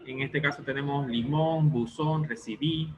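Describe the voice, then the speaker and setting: A man's voice: mid-range voice, fairly even intonation, measured pace, muffled recording, noisy background. A male teacher explaining a lesson step by step in an online class, often stopping to check that students follow.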